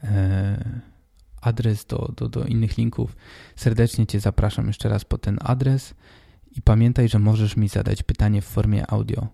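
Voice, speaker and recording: Male podcast host, twenties; hoarse with a blocked, stuffy nose, very dark and mellow tone, informal solo monologue. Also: lowish voice, little pitch movement, unhurried, no echo, studio quality. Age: 20s. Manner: informal, addressing the listener directly.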